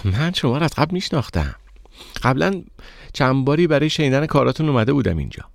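A man voicing an eager, chatty young woman in an audiobook, raising his voice higher for her. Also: sing-song, gravelly, no echo, clean studio sound. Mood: eager, friendly. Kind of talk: audiobook character reading.

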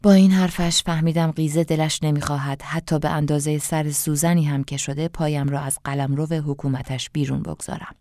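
A woman narrating a first-person story in a calm, measured reading. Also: low voice, dry recording, studio quality.

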